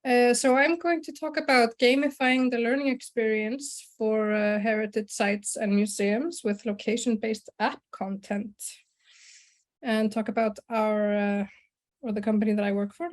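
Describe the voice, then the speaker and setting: A woman's voice: on the high side, moderate pace. Young Icelandic woman presenting over video call. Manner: relaxed, with frequent uh fillers and throat clearing. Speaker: conference presenter, sales and marketing director. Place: small room indoors.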